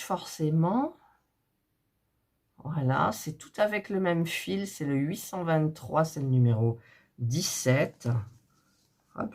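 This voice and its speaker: A middle-aged woman, hoarse and recovering from a cough, chatting softly and thinking aloud as she unboxes cross-stitch kits. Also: fairly low pitch. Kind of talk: casual unboxing chat.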